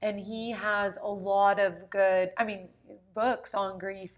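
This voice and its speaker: A woman hosting a relaxed podcast chat. She talks loosely and informally and leans on fillers like "like" and "you know.". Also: mid-range voice, slow pace. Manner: chatty, filler-heavy. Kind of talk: casual chat.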